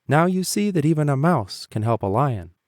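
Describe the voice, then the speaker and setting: A man voicing a timid little female mouse in a storybook reading, squeaky and pleading. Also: very animated, normal speed, darkish tone, no room sound, studio quality. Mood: proud. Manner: squeaky and begging.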